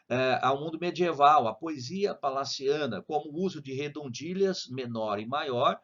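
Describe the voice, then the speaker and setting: A man's voice: medium pitch, a bit bright, lo-fi sound. A man with a Brazilian accent teaching a casual video lesson on literature, explaining in a chatty way with frequent tag questions. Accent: Brazilian Portuguese.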